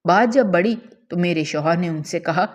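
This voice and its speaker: A woman's voice: fairly low pitch, muffled recording. Woman narrating a dramatic, tearful story. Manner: dramatic, tearful delivery of a domestic tale. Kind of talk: emotional first-person story narration.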